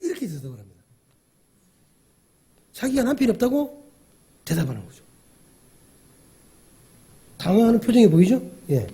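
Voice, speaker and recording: A man's voice: high voice, very animated, moderate pace, long pauses, mellow, breathy edge. A male pastor giving a conversational sermon, often asking the congregation questions and acting out the dialogue he describes. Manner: acts out quoted dialogue.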